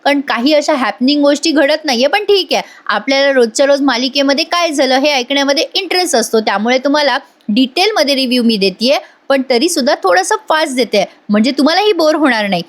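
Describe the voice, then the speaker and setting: A woman's voice: high voice, animated, fast talker, few pauses. A woman doing a chatty voice-over recap of a TV serial, talking straight to her viewers. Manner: chatty, addresses viewers directly. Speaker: TV serial reviewer.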